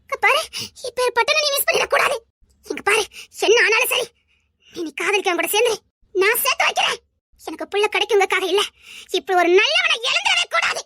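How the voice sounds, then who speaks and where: A performer voicing a tearful, gentle elder sister in a homemade family drama, with a Tirunelveli accent. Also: very high-pitched, very animated, fairly quick, long pauses, no echo, clean studio sound, heavily acted. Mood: urging. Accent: Tirunelveli Tamil. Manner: tearful, soft-spoken, affectionate.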